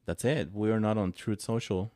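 A man's voice: fairly low pitch, fairly even intonation, normal speed, mellow, no room sound, studio quality. A man co-hosting a podcast in casual chat, joking, rambling and laughing often. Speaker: podcast co-host.

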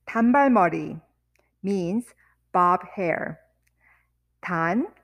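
A woman teaching vocabulary, saying each word slowly and deliberately, repeating words and sentences one piece at a time. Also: lowish voice, lively intonation. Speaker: language teacher. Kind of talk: vocabulary lesson with repetition.

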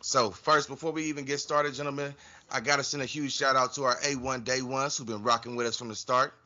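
A man's voice: medium pitch, fairly even intonation, a little fast, pushed and bright, muffled recording. A man hosting a casual podcast, addressing listeners directly. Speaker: podcast host.

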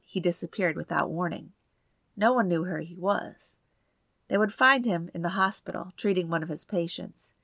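A woman hosting a true crime show, reading a scripted story in a measured, suspenseful storytelling manner. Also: lowish voice, vocal fry, fairly bright tone, no room sound, studio quality. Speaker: true crime podcast host and narrator.

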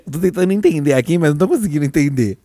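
A man's voice: fairly high pitch, lively intonation, warm tone, dry recording, clean studio sound. A young man with a Brazilian accent, co-hosting a casual podcast chat, laughing often and reading listener stories aloud. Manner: chatty, laughs often, quick asides. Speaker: podcast co-host.

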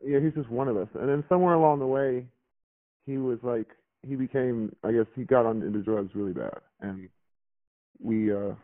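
A man, recalling a past event in a rambling, halting way full of fillers and restarts. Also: mid-range voice, dry recording. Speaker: interviewee recounting a past event. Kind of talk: casual recollection on a phone interview. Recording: tinny phone line, dry.

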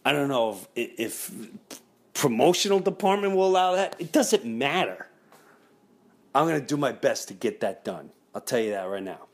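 A middle-aged man hosts a baseball fan show, chatting casually to his audience as he tells stories. His medium-pitched voice is animated at a normal speed, and he leans on emphatic repetition and acts out quotes.

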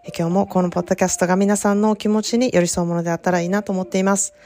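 A woman's voice: lowish voice, fairly even intonation, racing, dark tone. A woman with an Osaka accent hosting a podcast, chatting casually with frequent fillers and small laughs. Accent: Osaka Kansai dialect. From Japan. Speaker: podcast host, self-care consultant.

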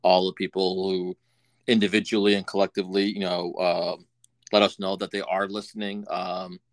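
Deep-voiced man rambling on a podcast. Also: level tone, dry recording. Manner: rambling and halting, with many restarts. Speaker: podcast co-host. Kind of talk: casual podcast chat.

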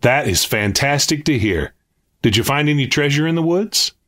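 A man playing a loving, kind father talking gently with his children. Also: mid-range voice, animated, normal speed, natural voice. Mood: affectionate. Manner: warm, affectionate.

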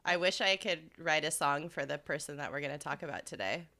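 Woman, stuffy nose from a cold, low pitch, bright clear tone, casual podcast chat. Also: a little fast. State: sick with a cold. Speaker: podcast co-host.

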